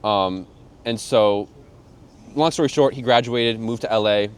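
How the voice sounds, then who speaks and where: A young man in his twenties, a music producer being interviewed, telling stories in a relaxed, slangy way and getting animated when he quotes people. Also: lowish voice, unhurried, clean tone. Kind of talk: casual interview chat.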